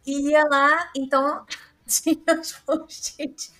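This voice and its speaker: A woman with a Brazilian Portuguese accent hosts a podcast in a chatty, rambling, casual conversation. Her voice sits high and a bit bright, with little pitch movement, and she takes her time.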